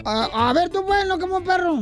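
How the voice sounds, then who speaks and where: Brief: high-pitched man hosting radio comedy, slangy and teasing, music bed. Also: expressive, normal speed, a bit bright. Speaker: radio show host. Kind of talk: radio morning show banter and joke telling.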